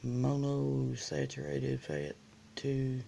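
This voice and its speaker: A person giving a casual, halting product review, reading out details item by item with pauses. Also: mid-range voice, sing-song, gravelly, dark tone. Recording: noisy room, crinkling bag and clicks.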